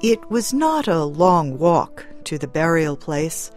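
A woman narrating a short story in a calm, measured way. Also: low voice. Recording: dry close recording with soft music.

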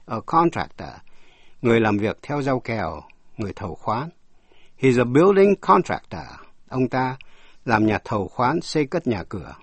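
Husky man teaching English words slowly. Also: mid-range voice, dry recording. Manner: spells words letter by letter, reads English examples slowly. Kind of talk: scripted vocabulary lesson.

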